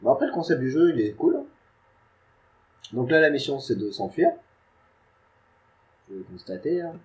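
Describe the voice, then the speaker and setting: A man's voice: medium pitch, very animated, moderate pace, darkish tone. A man giving casual, self-mocking gameplay commentary from a home computer setup, chatting and muttering to himself as he plays. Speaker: gaming YouTuber.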